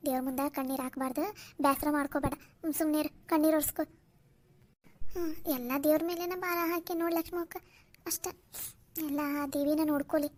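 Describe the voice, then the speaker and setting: A woman's voice: high-pitched, fairly even intonation, a little fast, pauses often, a little mellow, close to an everyday voice. A woman with a North Karnataka Kannada accent voicing a caring village neighbor who reassures a friend. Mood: soothing. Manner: soothing, reassuring. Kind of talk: cartoon voice acting.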